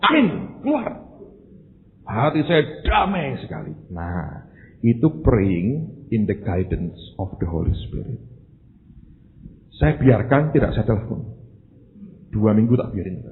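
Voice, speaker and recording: A male pastor telling a story in a sermon, a lively delivery that jumps into loud, high voices. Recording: phone-like hall recording with faint noise.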